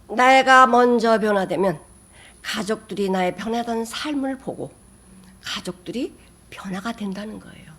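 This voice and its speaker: A woman pastor giving a sermon, who swings from loud emphatic bursts to soft, near-whispered asides. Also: husky. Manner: emphatic, with sudden rises in pitch and loudness.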